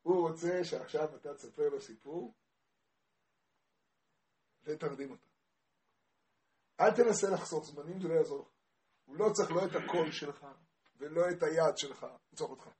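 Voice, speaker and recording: Male Torah teacher with a high voice, storytelling lesson, animated, questions his listeners, builds to loud passion. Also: long pauses. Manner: animated, asks the audience questions, grows loud and impassioned.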